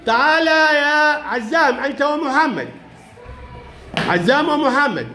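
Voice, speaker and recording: A man teaching young pupils in a classroom, brisk and playful, calling each child up by name. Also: extremely high pitch, lively intonation, pushed and bright. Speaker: primary school Arabic teacher.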